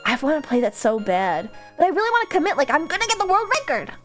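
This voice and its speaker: A young woman VTuber chatting casually with her livestream viewers in a cute, playful, animated anime-streamer manner, talking nonstop. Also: sits high, quick pace. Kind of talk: casual livestream chat, reading and answering viewers' messages. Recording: music playing behind the voice. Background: music.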